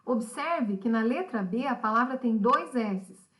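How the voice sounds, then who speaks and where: A middle-aged woman teaching a recorded lesson, patient and explanatory. Her voice sits a little high. She keeps asking her pupils questions as she goes. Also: expressive, measured pace, fairly bright tone.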